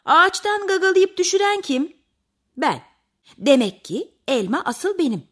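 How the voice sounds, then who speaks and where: A woman voicing a helpful but proud crow with a gruff, self-assured manner. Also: extremely high pitch, big pitch swings, a little slow, fairly bright tone, voice pushed up, full character voice. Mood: boastful.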